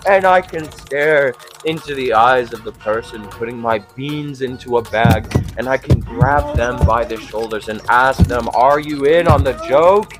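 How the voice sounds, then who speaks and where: Over music, a young man performs a scripted, absurdist comic monologue like a mock stand-up host. He is theatrical and sarcastic, sounding exasperated, swearing freely and firing off rhetorical questions. His mid-range voice keeps a measured pace with few pauses.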